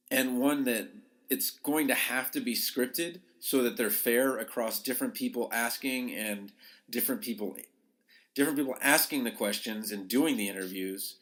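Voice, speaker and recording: On a rough recording, a man with a medium-pitched, slightly bright voice talks casually as a podcast host and coach. He gives listeners emphatic, conversational advice and acts out short quotes.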